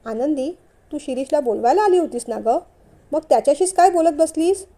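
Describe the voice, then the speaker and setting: Lady doing strict but loving mom-in-law, scolds firmly, high mellow voice. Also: lively intonation, a little fast. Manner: firm, scolding. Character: middle-aged mother-in-law, stern but caring.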